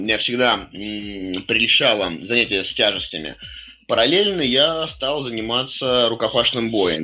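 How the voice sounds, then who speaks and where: Bright-voiced man explaining, music behind. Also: medium pitch. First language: Russian. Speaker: interview guest, firefighter-rescuer and CrossFit coach. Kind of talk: casual interview talk.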